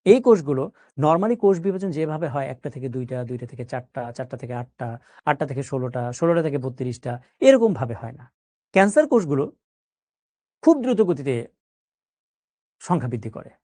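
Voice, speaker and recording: A male teacher talks students through a lesson. His pitch rises and falls a lot as he explains with everyday examples and asks whether everyone follows. The recording sounds dry and close. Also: animated, a little fast, pauses often, warm tone, dry recording. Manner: explains with everyday examples and checks understanding with questions. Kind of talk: classroom biology lesson.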